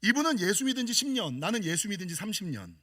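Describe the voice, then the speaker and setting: High, animated pastor preaching a sermon. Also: male voice, quick pace. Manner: lively storytelling with self-mocking humor. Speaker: senior pastor.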